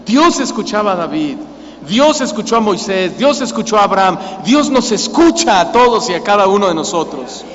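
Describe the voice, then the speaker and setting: A man in his thirties with a Mexican accent, preaching a sermon, questioning the congregation and rising to loud cries. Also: high voice, animated, normal speed, a little hiss or hum. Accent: Mexican Spanish. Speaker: pastor. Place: church hall. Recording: lo-fi church recording with long reverb.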